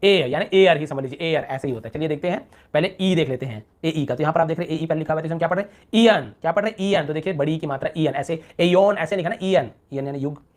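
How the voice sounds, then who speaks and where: Fast-talking man teaching pronunciation. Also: on the high side. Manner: repeats example words slowly and stretched; asks the viewer rhetorical checks. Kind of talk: Hindi-language pronunciation lesson.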